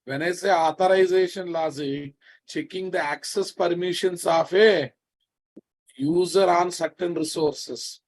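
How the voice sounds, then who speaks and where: A man's voice: sits high, fairly even intonation, unhurried. A man with a Telugu Indian accent giving a live programming lecture, repeating phrases and checking on his students with familiar, prodding questions. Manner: repetitive, questioning, scolding familiar address to students. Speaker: programming teacher.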